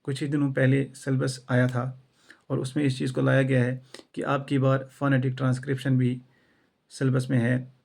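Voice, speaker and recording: A male schoolteacher from India, not a native English speaker, speaks with an earnest, motivational drive. His voice is gravelly and dark. He builds his points through repeated rhetorical phrases. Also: medium pitch, completely flat delivery, normal speed. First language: not English; self-taught English. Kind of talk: motivational talk to students and teachers.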